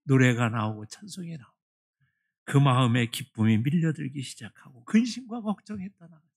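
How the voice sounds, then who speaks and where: Animated, gravelly-voiced male pastor preaching. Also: mid-range voice, fairly quick. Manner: animated, emotional storytelling. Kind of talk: sermon. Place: church sanctuary.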